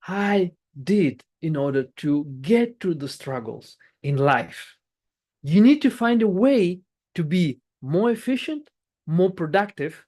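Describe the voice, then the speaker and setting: Speaking with a mid-range voice, a Portuguese-speaking club orator from Angola gives a spirited, rehearsed motivational speech. Emphasis runs high; important lines come back again, and some words get started over.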